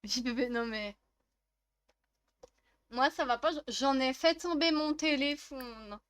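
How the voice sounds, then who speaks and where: Une jeune femme streameuse commente sa partie de jeu vidéo sur un ton décontracté, bavarde, elle rit souvent et taquine les personnages. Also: female voice, sits high, slow, a bit bright, smooth, no room sound. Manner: chatty, laughs often, teasing the game characters. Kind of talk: casual let's-play commentary.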